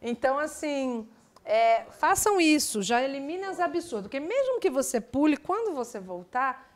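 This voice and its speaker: Lady teacher, slightly high voice, chatty, explaining grammar live. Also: normal speed. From Brazil. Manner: chatty, explains with lively asides. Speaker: English teacher. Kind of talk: live online exam-prep class.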